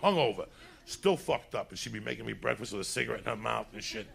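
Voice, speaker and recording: New guy with a real gravelly voice, crude funny storytelling, keeps cracking himself up. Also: medium pitch, fast talker. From New York City. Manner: crude, animated, laughing through his own story. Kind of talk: profane comedic storytelling.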